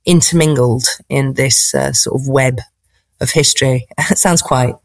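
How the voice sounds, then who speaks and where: This Englishwoman speaks with an extremely low, gravelly voice at an unhurried pace, recorded dry. A stand-up comedian being interviewed, she uses a posh RP accent and replies conversationally, reflective and hesitant, thinking aloud while hunting for the right words.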